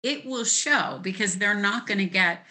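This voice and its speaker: A woman's voice: medium pitch, animated, moderate pace, pushed and bright. A woman who teaches gifted students, explaining her ideas step by step as a guest in a conversational interview.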